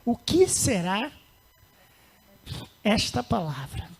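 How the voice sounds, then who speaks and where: A man's voice: high-pitched, wildly swooping pitch, slow pace, gravelly, a little hiss or hum. A man hosting a podcast interview, playful and teasing, steering the talk and calling on his crew. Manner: playful, teasing, directs the show. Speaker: podcast host. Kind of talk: casual interview, joking asides.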